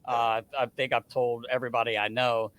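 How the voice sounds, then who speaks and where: Animated man telling stories with a bright, dry voice. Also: medium pitch, fairly quick, clean tone, no room sound. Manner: animated storyteller, acts out quoted dialogue, frequent restarts. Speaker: guest, hockey scout. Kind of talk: casual podcast storytelling.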